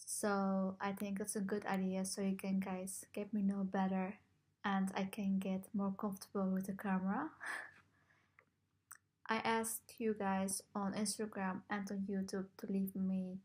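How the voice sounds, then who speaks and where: A young Dutch woman vlogger with a medium-pitched, darkish voice answers viewer questions in a casual Q&A to camera. She comes across as hesitant and self-conscious.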